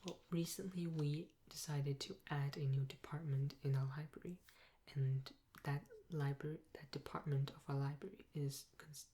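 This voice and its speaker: A woman with a low, mellow voice does a whispered role-play as a patient librarian. She is soft and breathy, talking gently close to the mic, with noticeable hiss in the recording. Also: fairly even intonation. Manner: gentle, unhurried customer-service talk with pauses. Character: helpful, patient female librarian serving a patron. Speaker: ASMR performer playing a librarian. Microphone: close binaural microphone.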